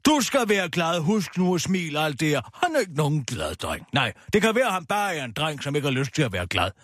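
A man's voice: fairly high pitch, sing-song, a bit bright, no room sound, clean studio sound. A man playing a grumpy, pessimistic middle-aged woman who rants scornfully and swears a lot in a radio comedy sketch. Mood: ranting. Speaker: comic radio character.

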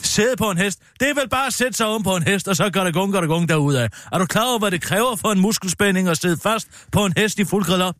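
A man's voice: lively intonation, few pauses, fairly bright tone, no echo, studio quality. A man playing a pompous, bossy middle-aged woman who lectures about horses in improvised podcast comedy. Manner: bossy, lecturing, swooping pitch. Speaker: co-host.

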